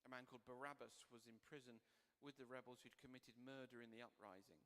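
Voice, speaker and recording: A man's voice: medium pitch, fairly even intonation, a little fast, a bit bright. Man preaching in a reverberant hall. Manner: conversational storytelling with casual fillers. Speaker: pastor. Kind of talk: sermon. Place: church. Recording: long reverb of a church hall.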